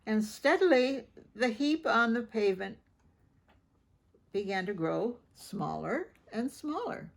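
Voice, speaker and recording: A woman with a creaky, fairly high voice slowly reads a children's picture book aloud. She reads expressively, acting out the dialogue and adding informal asides about the pictures.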